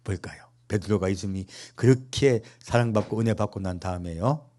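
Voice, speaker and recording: A pastor preaching a sermon in a church, asking the congregation rhetorical questions, with playful humorous asides. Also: male voice, lowish voice, fairly quick, mellow.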